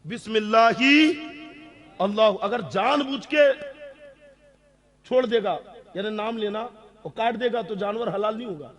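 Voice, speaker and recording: A man's voice: high-pitched, pauses often. A man, an Islamic scholar, answering audience questions on religious rules, stressing key points and often checking that listeners follow. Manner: emphatic, repeats key rulings.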